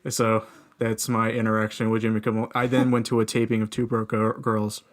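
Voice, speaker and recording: A man's voice: on the low side, little pitch movement, fairly quick. Rambling young man telling a story. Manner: rambling storyteller with many restarts. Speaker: podcast co-host. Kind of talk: casual chat.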